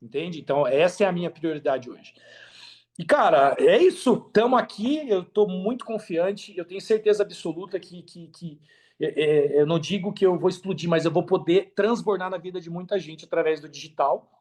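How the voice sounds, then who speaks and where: A high, slightly mellow voice at normal speed belongs to this Brazilian man appearing as a podcast guest. He talks openly and at length about his story, using slang and frequent tag questions.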